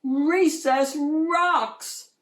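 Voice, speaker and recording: A woman voicing a loud, exuberant young boy shark in a children's storybook, with a drawn-out, enthusiastic delivery. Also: high voice, roomy sound, far from the mic, voice pushed up, full character voice. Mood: exuberant, shouting.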